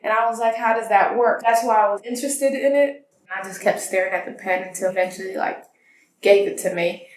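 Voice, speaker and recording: A young woman, born in Tanzania and raised in the United States, tells personal stories in a casual, conversational way as an interviewee. Her voice is medium-pitched and fairly quick, and the interview recording sounds roomy and echoing.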